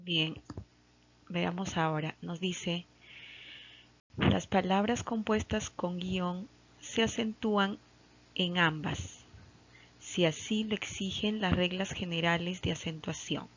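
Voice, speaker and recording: A woman's voice: on the low side, fairly even intonation, slow, long pauses. A woman teacher with a Peruvian Spanish accent giving a patient classroom grammar lesson, checking in with frequent tag questions. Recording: dull lo-fi recording.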